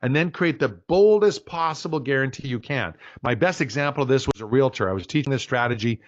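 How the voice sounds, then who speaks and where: A man's voice: medium pitch, a little fast, dull audio. A man in his sixties giving a business workshop talk, telling stories and acting out voices with lots of energy. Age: 60s. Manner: animated storyteller, acts out voices. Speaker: business coach.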